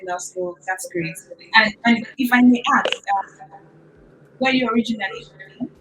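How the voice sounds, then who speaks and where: A woman's voice: on the high side, moderate pace, fairly bright tone, poor audio. A woman hosting an interview over a video call, affirming her guest and talking in a chatty way with many fillers. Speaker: interview host.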